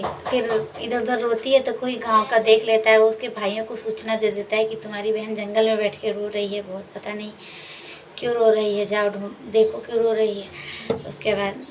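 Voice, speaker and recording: Homely woman telling a folk tale. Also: fairly high pitch. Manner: homely, conversational retelling with acted dialogue. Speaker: storyteller. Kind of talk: casual folk tale narration. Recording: distant mic with faint background noise.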